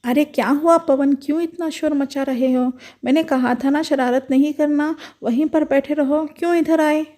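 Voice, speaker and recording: A woman's voice: high-pitched, fairly even intonation, normal speed, few pauses, warm tone, close to an everyday voice. A woman voicing a kindly but worried old grandmother who scolds in a fretful way, in a doll storybook video. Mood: scolding.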